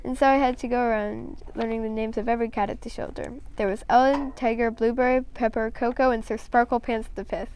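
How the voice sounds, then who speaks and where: A woman's voice: a little high, flat delivery, a little fast, hardly any pauses, a little mellow, clean tone. A woman reading a first-person children's story aloud in a plain storytelling manner, with a few small slips.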